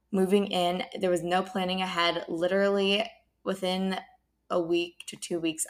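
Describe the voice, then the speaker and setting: A woman's voice: fairly low pitch, vocal fry. A young adult woman hosting a podcast of casual advice on her own, recorded in an echoey unfurnished apartment. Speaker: podcast host. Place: indoors, unfurnished apartment with bouncing sound. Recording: echoey empty apartment room.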